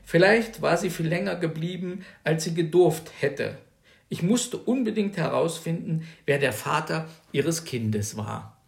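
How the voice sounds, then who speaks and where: Gravelly, animated male storyteller. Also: a little high, unhurried, reverberant. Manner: animated first-person storytelling. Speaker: reader. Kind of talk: literary reading.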